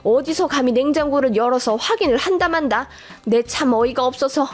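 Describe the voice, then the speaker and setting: A woman's voice: high voice, a little fast, a little mellow. A woman doing a scornful nagging mother-in-law. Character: sharp-tongued older mother-in-law, scolding.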